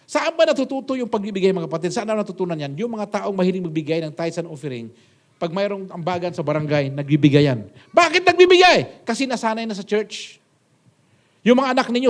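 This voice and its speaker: Male pastor, high-pitched, emphatic sermon delivery with swings between loud exclamations and soft asides. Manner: emphatic preaching, repeated rhetorical "Ha?".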